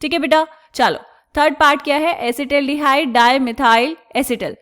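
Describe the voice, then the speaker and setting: A woman teaching chemistry step by step, asking questions and answering them herself, and drawing out technical terms slowly. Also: high-pitched, fairly even intonation, fairly bright tone. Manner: asks the class questions and answers them herself, calls students "beta"; slows down and stretches out technical terms. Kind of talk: explaining step by step on a board.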